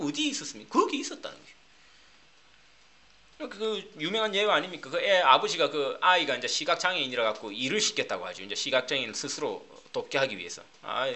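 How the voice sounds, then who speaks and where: A man's voice: on the high side, sharp tone. A middle-aged man preaching a sermon as pastor, asking the congregation rhetorical questions.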